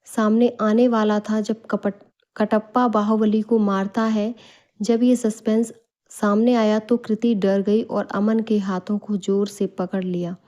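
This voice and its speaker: A woman narrating a bedtime story in a calm, steady read. Her voice is mellow and warm. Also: medium pitch, unhurried. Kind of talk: scripted narration.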